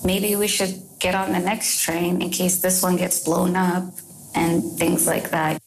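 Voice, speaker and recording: A young woman from Canada, interviewed and recounting her past in a halting, measured way with fillers. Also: on the low side, flat delivery, gravelly, a little hiss or hum, low-quality recording. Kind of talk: recorded interview recollection.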